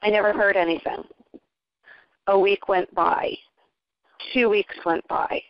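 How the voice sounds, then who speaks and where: A middle-aged woman on a recorded conference call tells her story as a parent in a casual testimonial, retelling dialogue in quotes. Her medium-pitched voice is fairly even and a little slow, and the sound is lo-fi with no echo.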